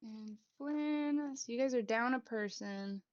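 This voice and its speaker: A woman narrating a tabletop game as game master, relaxed and hesitant. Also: fairly high pitch, slow pace, no room sound. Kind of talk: running a tabletop game over a call. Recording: dull dry home mic.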